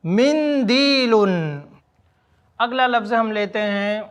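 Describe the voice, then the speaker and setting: High, bright-voiced male Arabic teacher. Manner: says each Arabic word slowly and repeats it, then explains its meaning. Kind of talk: vocabulary lesson in Urdu.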